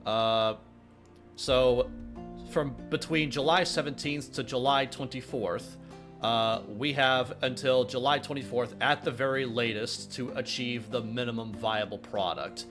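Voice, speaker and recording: A young man livestreams his game development work, rambling casually in a medium-pitched, slightly slow voice. His talk is full of hesitations, filler sounds and restarts, and he cracks jokes and reads chat questions aloud over faint background music.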